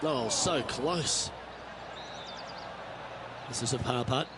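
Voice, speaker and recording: A man playing a composed golf commentator in a video game, calling play in measured, understated short phrases. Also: mid-range voice, heavy background noise. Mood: composed, approving. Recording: loud music and crowd behind. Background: music, outdoor crowd ambience.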